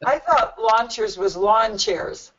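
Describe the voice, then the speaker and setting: A woman joking with friends on a group call, laughing often as she talks. Her voice is a little higher than most. The audio is dull and muffled. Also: slow pace, a bit bright. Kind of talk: casual group call chat.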